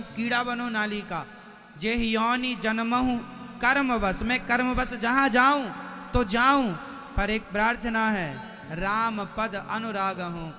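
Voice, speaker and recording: A man delivering a devotional sermon before a live audience, speaking slowly and emphatically, breaking into sung verses and putting questions straight to his listeners. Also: high voice, big-room sound. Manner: slow, emphatic, addresses listeners directly with questions. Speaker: preacher of religious storytelling.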